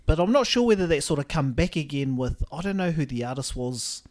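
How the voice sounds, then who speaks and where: A man's voice: a little high, lively intonation, brisk. A man with a Kiwi accent chatting casually as a podcast co-host in an agreeable, easygoing way. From New Zealand. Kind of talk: casual chat.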